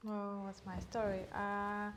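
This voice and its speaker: A woman's voice: mid-range voice, completely flat delivery, slow, fairly bright tone. Woman in her thirties, hesitant. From Bulgaria. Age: 30s. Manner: hesitant, many fillers. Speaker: podcast co-host. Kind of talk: casual chat.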